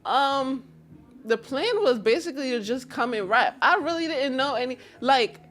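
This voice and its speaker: With a high, bit-bright voice, animated and moderately paced, a young battle rapper from New York recounts her start as an interview guest. She keeps it relaxed and full of slang, often checking "you feel what I'm saying."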